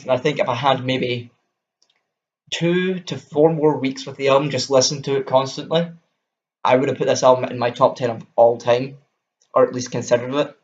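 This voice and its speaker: A young man from Scotland, a music vlogger with a Scottish accent, rambles enthusiastically through a casual album review to camera. His voice is medium-pitched, and the audio is dull with a little hiss or hum.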